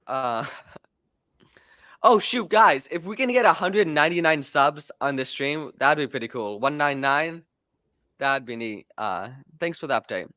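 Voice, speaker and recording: A man hosts a casual livestream podcast, joking and rambling, often breaking off his own sentences. His voice is bright and pitched a little high. The sound is dry and slightly dull. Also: animated, a little slow, dry recording. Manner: joking, rambling, self-interrupting. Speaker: podcast host and author.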